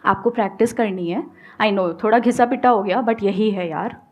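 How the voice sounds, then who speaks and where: A woman with an Indian accent giving an animated motivational talk on speaking English, mixing Hindi and English. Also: medium pitch, normal speed, dull audio. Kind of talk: motivational talk with audience questions.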